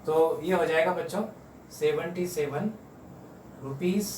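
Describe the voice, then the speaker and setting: A man teaching a home math lesson to children, patiently repeating each number slowly. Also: a little high, darkish tone, distant mic. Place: room at home. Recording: roomy, off-mic, faint hum.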